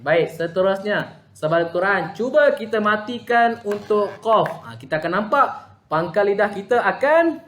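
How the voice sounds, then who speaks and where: A man's voice: sits high, a bit bright, slight background noise. A man with a Malaysian Malay accent teaching Quran recitation in an online lesson, patiently sounding out letters. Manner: patient, demonstrates letter sounds slowly, frequent "ha". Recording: echoey room.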